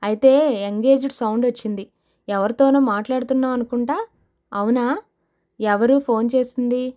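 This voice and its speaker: A woman's voice: on the high side, steady tone, moderate pace, dark tone, lightly acted. A woman voicing a sinister, mocking anonymous phone caller in an audio novel, taunting and menacing.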